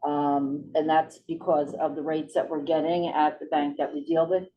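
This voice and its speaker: A woman's voice: low voice, flat delivery, moderate pace. A woman presenting financial results at a board meeting, reading figures steadily with some ums. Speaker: finance officer presenting report. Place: meeting room. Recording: distant muffled mic with faint hiss.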